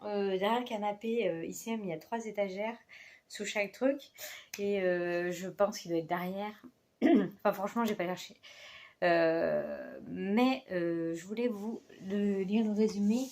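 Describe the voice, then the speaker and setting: A woman's voice: mid-range voice, a little mellow, slight background noise. A woman talking casually into a phone as a book vlogger, hesitant, with many fillers and self-corrections. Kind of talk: casual chat. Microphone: phone held in hand.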